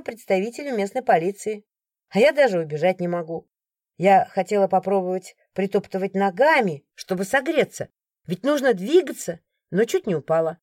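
A woman narrates a first-person story in an expressive, lively storytelling voice. The recording is dry and close, with nothing of the room around her. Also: mid-range voice, no room sound. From Siberia, Russia.

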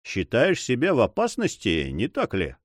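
Man voicing resolute buccaneer leader, composed, wry, animated pitch, dry recording. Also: moderate pace, no room sound.

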